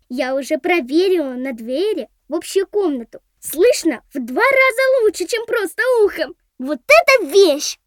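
A smug young girl who brags eagerly about spying. The voice is high and the sound is dry and close. It is an audio drama. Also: dry recording. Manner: boastful, eager.

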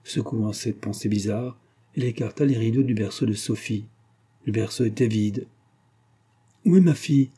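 A man reading a novel aloud as an audiobook narrator, in steady, even scripted narration. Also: on the low side, normal speed, breathy edge.

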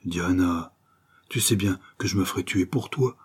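A man reading an audiobook, voicing a nervous, devoted male accomplice who speaks in a hushed, anxious way. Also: low voice, moderate pace, breathy edge.

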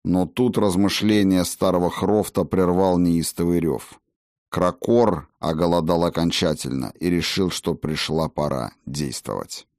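Man, audiobook narrator, low voice, measured, dry studio sound. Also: a little mellow, no echo.

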